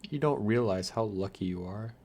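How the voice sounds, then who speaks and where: A man with a lowish, slightly mellow voice speaking at normal speed plays a lonely, guarded undead vampire in a wry, theatrical ASMR roleplay. Talking straight to the listener, he sounds indignant.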